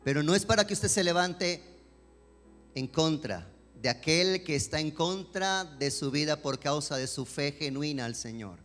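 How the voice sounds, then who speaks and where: A man preaching a sermon as a pastor, swinging between emphatic questions and softer pleading. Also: on the high side, animated, a little slow. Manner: preaching with rising emphatic questions and dramatic quoted voices. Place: church sanctuary. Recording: long church hall reverb with music behind.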